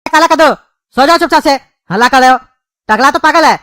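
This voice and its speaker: A woman voicing an irritable, bossy middle-aged father in a cartoon, speaking fast and gruffly. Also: high voice, a bit bright, dry recording. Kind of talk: cartoon dubbing.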